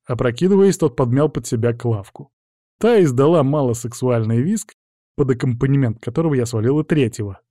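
A man reading an audiobook aloud in a steady, wry storytelling manner. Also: medium pitch, dry recording, studio quality. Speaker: audiobook narrator. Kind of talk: audiobook narration.

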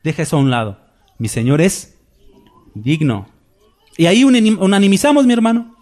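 Emphatic preaching pastor. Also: male voice, high voice, fairly quick, darkish tone. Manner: preaching with emphatic repetition and rhetorical questions. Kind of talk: sermon. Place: church.

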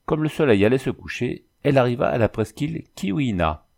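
A man narrating a novel as an audiobook in a measured, literary way. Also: mid-range voice, sing-song, gravelly, darkish tone.

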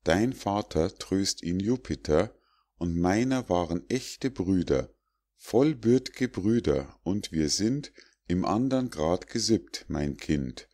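A sly old fox who flatters his way toward his prey, sweet-talking in a storybook fable, voiced by a man. The voice sits low and moves slowly. Every word is honeyed and ingratiating. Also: heavily acted. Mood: wheedling.

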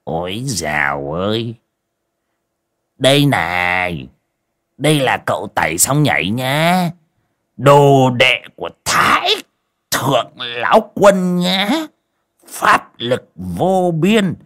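A bedridden old villager, stubborn and sharp-tongued, his voice drawn out and mocking, as a storyteller puts him on. He talks slowly, with his pitch swinging up and down as he teases. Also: sing-song, slightly rough, full character voice. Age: older. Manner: mocking, sarcastic. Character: sick, sarcastic, stubborn old village man.

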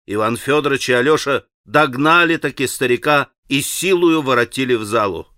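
A man reading a classic novel aloud as an audiobook narrator, in a dramatic, expressive manner. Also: mid-range voice, a little fast, no echo, studio quality. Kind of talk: scripted literary narration.

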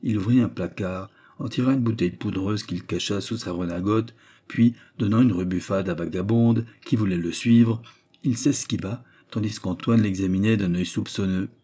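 A male narrator reads a classic novel aloud in a measured, steady way. His voice is husky and mellow, with a dark, soft tone. The delivery stays calm and literary throughout. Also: fairly low pitch. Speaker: audiobook narrator.

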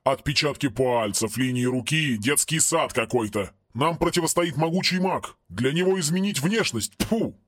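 A man's voice: on the high side, normal speed, hardly any pauses, fairly bright tone, dry recording, clean studio sound, natural voice. A man reading an audiobook and voicing an exasperated, sarcastic male investigator who scolds everyone around him. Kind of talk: audiobook character voice.

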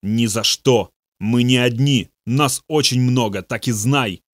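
A man voicing a boastful male demon speaking through a possessed youth, in a slow, low, gloating way. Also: no echo, clean studio sound, close to an everyday voice.

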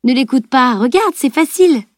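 A woman's voice: sits high, animated, normal speed, no room sound, clean studio sound, voice pushed up. A woman reading an audiobook, voicing a confident teenage heroine who speaks eagerly and reassuringly.

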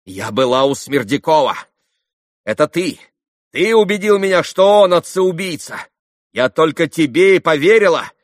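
A man reading an audiobook, voicing a proud, volatile young noblewoman who bursts into sharp, hysterical outcries. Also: mid-range voice, expressive, moderate pace, no room sound, clean studio sound, voice pushed up. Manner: sharp, hysterical outbursts and urgent whispers.

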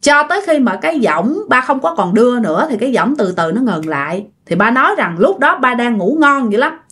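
A woman with a Southern Vietnamese accent tells a ghost story in a casual, chatty way, turning often to her listeners. Her voice sits a little high and moves through a wide, expressive pitch range. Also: slightly rough. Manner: chatty, addresses listeners directly.

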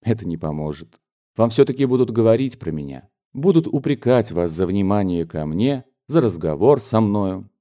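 Audiobook guy doing a bitter young gentleman, low mellow voice, grave and quiet. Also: animated, normal speed, close to an everyday voice. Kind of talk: audiobook character voice.

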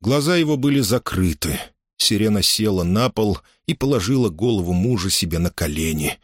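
A man narrating a dramatic story as an audiobook in a measured, expressive way. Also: lowish voice, dry recording, studio quality.

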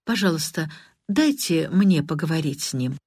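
A gentle, firm older lady with a soft, reassuring manner, as a woman reads her in a storybook. Her voice sits low and the sound is close and dry. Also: lively intonation, moderate pace, husky, no echo. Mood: soothing.

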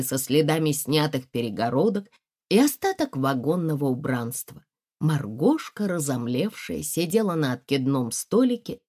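A woman reading a story aloud in an expressive storytelling way. Her voice sits low but moves with lively swings of pitch. She narrates in steady audiobook style.

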